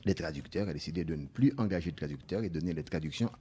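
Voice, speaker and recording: Older Haitian-born man, very deep voice. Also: animated, fast talker, warm tone, husky. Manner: reflective storytelling with frequent hesitations. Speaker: guest. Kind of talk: radio interview.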